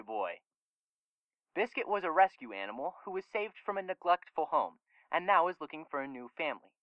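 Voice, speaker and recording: A man playing a cheerful shelter worker presenting a dog in an adoption video, with a lively promotional delivery. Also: on the high side, no room sound. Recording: dull lo-fi video playback.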